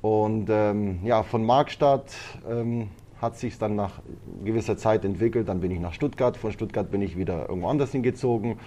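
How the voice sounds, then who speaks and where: A man's voice: lowish voice, moderate pace, hardly any pauses, dark tone, a little hiss or hum. A man who grew up in Italy, a martial arts trainer speaking as a podcast guest, talking casually with many hesitations and fillers. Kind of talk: casual interview talk.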